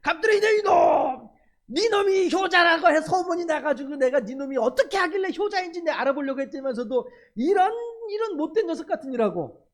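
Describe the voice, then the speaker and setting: A man voicing an indignant village man who shouts and scolds his neighbor in a finger-pointing tirade. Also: extremely high pitch, animated, fairly quick, pitched above the performer's own voice. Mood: furious.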